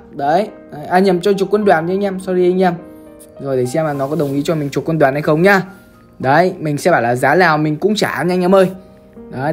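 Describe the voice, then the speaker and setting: A woman talks her viewers through a game in casual, chatty commentary. She speaks at a rapid clip and keeps calling out to the audience. Faint music plays softly underneath. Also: medium pitch. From Bắc Giang, Vietnam. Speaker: gaming streamer.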